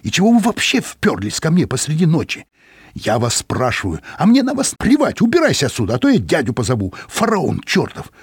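Male reader voicing a sullen, scared teen; raised, husky, swinging voice. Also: fairly high pitch, huge pitch swings, normal speed, dry recording, studio quality, pitched above the performer's own voice, full character voice. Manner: sullen, rude, then tearful.

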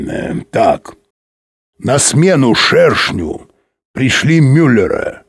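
A pompous male inspector, as a reader puts him on, handing out orders over the radio in an audiobook. He speaks with authority and deliberate pauses, in a husky voice with lively pitch. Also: no echo, clean studio sound, heavily acted. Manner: authoritative, commanding, pausing. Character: self-important male general inspector.

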